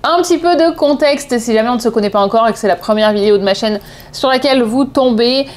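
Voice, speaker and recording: A vlogger in her thirties from southeast France, speaking with a French accent, tells personal stories to camera in a chatty, digressive way, often correcting herself. Her voice is on the high side and she talks fast, with faint music behind her.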